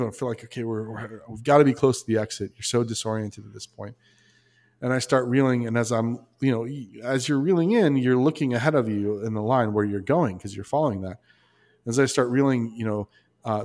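A man, a podcast guest, telling a story in a casual, animated way, full of restarts and asides. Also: mid-range voice.

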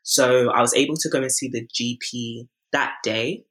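A woman's voice: very deep voice, normal speed. A young woman in her twenties, candidly recounting a personal health story as a podcast guest, acting out the people she quotes. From Britain. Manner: candid, animated, acts out quoted voices.

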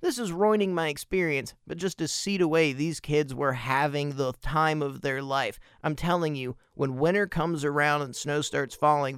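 This podcast host has a slightly high, fairly bright voice. He shares personal anecdotes and opinions in spoken commentary, delivered emphatically and with plenty of profanity.

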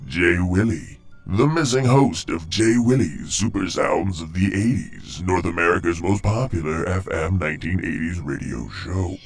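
A man narrating a mystery serial like an old radio drama narrator, with theatrical, deliberate delivery and suspenseful pauses. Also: low voice, soft background music.

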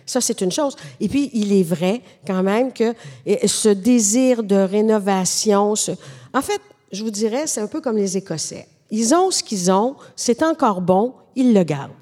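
A middle-aged woman with a Québécois French accent, explaining urban planning in a measured, professorial way as a podcast guest. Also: medium pitch, animated, warm tone, long reverb tail. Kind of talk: podcast conversation.

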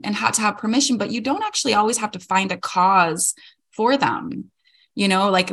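A woman's voice: medium pitch, a bit bright. A woman in her thirties co-hosting a podcast, talking earnestly and reflectively about parenting with many fillers. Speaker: podcast co-host. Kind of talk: casual chat.

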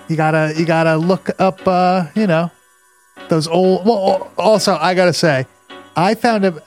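Higher-pitched man, slangy and emphatic. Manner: profane, slangy, emphatic and repetitive. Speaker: podcast co-host. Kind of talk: casual chat about horror movies.

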